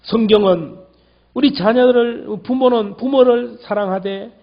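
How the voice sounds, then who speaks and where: A male pastor preaching a sermon with emphasis, repeating key words and swinging between loud and hushed delivery. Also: extremely high pitch, a little slow. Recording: dull lo-fi church recording.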